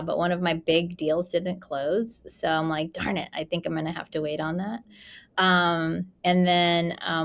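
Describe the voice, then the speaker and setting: A woman in her forties from Colombia, a podcast guest and real estate investor talking through her experience in a casual, reflective interview, with frequent fillers. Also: lowish voice. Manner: conversational, many fillers, reflective.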